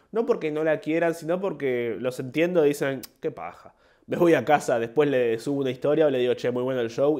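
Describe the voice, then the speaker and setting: Rambling young Argentine man. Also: medium pitch. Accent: Argentine Spanish. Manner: rambling, self-mocking, acts out short quoted voices. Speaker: podcast host and comedian. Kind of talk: casual monologue.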